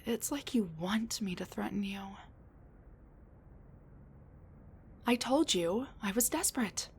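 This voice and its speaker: Addressing the listener straight on, a woman voices a weary, sassy supervillain in a roleplay audio drama, her delivery casual, halting, and wry. She sounds guarded and wry, with a natural, medium-pitched voice. A faint hiss or hum sits under the audio.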